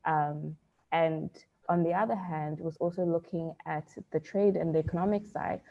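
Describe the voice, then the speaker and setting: Low flat-voiced woman on a tinny line. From South Africa. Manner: measured, businesslike, frequent ums. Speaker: panelist, business founder. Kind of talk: conference panel talk. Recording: tinny phone-like call audio.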